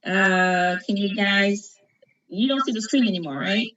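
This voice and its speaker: A woman's voice: medium pitch, a bit bright. A woman from Cameroon, not a native English speaker, giving an encouraging talk on a video call, often repeating herself and checking in with "okay?". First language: not English; French second language. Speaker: conference speaker. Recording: dull lo-fi video call audio.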